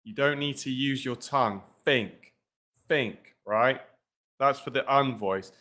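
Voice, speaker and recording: A man's voice: medium pitch, moderate pace, bright, forceful tone. A man teaching English pronunciation in a live-streamed lesson, talking informally and often checking in with "right?" and "guys" between fillers.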